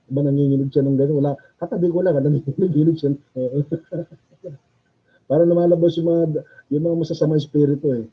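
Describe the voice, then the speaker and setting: A man's voice: fairly high pitch, fairly even intonation, brisk, husky. A male chaplain, preaching in a chatty way, laughing often and asking the audience questions. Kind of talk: sermon. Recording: dull lo-fi recording.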